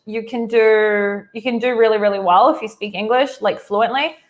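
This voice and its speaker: A thirtysomething woman with a New Zealand accent tells her life story as a guest on a video-call interview. Her voice is mid-range and her pace moderate, and she's chatty, laughing easily and filling her talk with "like" and restarts.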